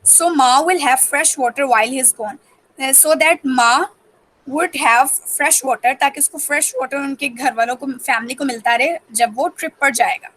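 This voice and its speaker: A woman teaching a reading-comprehension class, switching between English and Hindi and alternating slow dictation with rapid explanation. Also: high-pitched, a bit bright, poor audio. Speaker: school teacher. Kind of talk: online reading-comprehension lesson.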